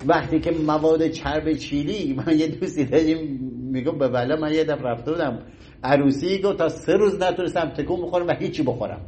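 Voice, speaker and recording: A middle-aged man giving an informal health talk in an animated, folksy way, acting out little everyday scenes. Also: on the high side, a little hiss or hum. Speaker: health lecturer.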